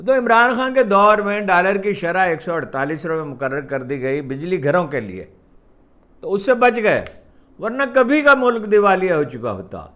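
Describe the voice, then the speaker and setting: A man with a notably high voice holds forth in a political commentary monologue. He talks emphatically and circles back to hammer his points home. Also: very animated, a bit bright. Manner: emphatic, repeats points for stress.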